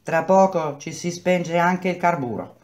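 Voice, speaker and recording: A woman reading aloud and voicing a middle-aged male contractor who smoothly explains hard news to his workers. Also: lowish voice, unhurried, darkish tone, natural voice. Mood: persuasive. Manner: persuasive, explanatory, speaks to workers as a group.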